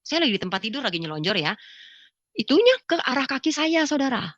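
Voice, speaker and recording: A woman giving a spoken religious testimony, acting out conversations with lively vocal shifts. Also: high voice, fast, dry recording, dull audio. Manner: animated storyteller who acts out dialogue in a raised voice. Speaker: testimony speaker.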